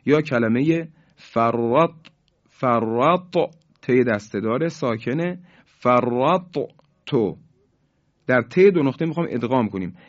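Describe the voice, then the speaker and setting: A man's voice: medium pitch, darkish tone. A man teaching tajwid, the rules of Quran recitation, explaining patiently step by step and stretching out the sounds he demonstrates. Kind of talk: tajwid lesson. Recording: slightly dull, lo-fi.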